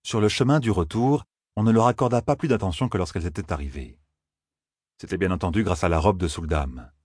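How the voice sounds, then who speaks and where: A man narrating an audiobook in a steady, measured storytelling manner. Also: sits low, husky, no echo, studio quality. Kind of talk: scripted narration.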